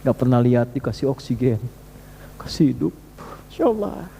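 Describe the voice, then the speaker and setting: A man's voice: mid-range voice, expressive, moderate pace, vocal fry, warm tone, big-room sound, a little hiss or hum. A male preacher delivering a sermon in a conversational, emphatic way, repeatedly asking his listeners rhetorical questions. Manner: conversational, addresses listeners directly.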